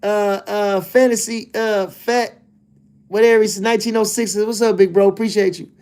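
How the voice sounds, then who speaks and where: Casting note: male streamer, slightly higher voice, loose rambling fight talk. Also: steady tone, normal speed, darkish tone, smooth. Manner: laid-back, loose and rambling, lots of "you know what I'm saying". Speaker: livestream host, boxing commentator. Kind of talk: casual livestream chat reading comments.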